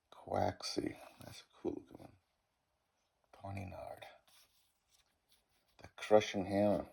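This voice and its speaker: A gravelly, slightly mellow low voice with a breathy edge belongs to a middle-aged Boston man opening card packs. He rambles casually, mocks himself, and keeps stumbling over card names.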